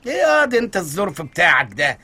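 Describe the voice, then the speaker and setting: A man's voice: high-pitched, wildly swooping pitch, pushed and bright, exaggerated voice. An actor playing a flustered, sarcastic Egyptian husband in a radio comedy series, bickering with his wife and a friend. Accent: Egyptian Arabic. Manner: fast sarcastic comic delivery. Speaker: husband character Shawki. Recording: radio drama with music bed.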